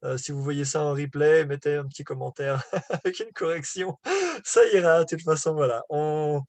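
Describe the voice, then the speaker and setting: A man's voice: a little high, fairly even intonation, normal speed, darkish tone, no echo. Hesitant man teaching, dry close sound. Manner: hesitant, many fillers and restarts, self-correcting; apologetic about his French, laughs at himself. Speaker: business coach presenting slides. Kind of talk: live online lesson.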